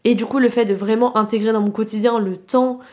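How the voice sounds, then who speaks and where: A woman's voice: on the high side, fairly even intonation, brisk, darkish tone. A young woman from France hosting a casual solo podcast, talking in a chatty, slangy way full of filler words. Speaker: podcast host.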